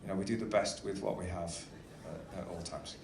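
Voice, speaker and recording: A man's voice: deep voice, steady tone, a little fast, gravelly, a little mellow. A man speaking as an upbeat cruise director, giving a joking welcome speech to a live audience over a microphone. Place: large indoor ship venue with audience. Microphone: stage microphone. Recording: roomy echo, faint background noise.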